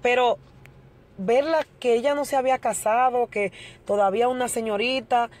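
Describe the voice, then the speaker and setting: A woman's voice: a little high, fairly even intonation, normal speed, a little mellow. A middle-aged woman giving an earnest testimony to a church congregation and addressing her listeners as brothers.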